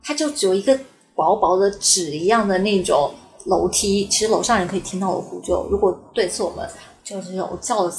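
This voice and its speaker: A woman in a casual podcast chat, telling a story in an animated, rushed way full of restarts. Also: mid-range voice, soft background music. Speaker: podcast guest.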